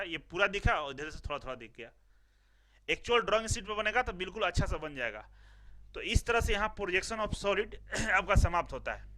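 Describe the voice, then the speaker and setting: A young man teaches a recorded class, and his voice sits high and bright. He explains patiently, repeats each point and keeps checking that his students follow. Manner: explains step by step, repeats phrases, asks "ठीक है ना" often.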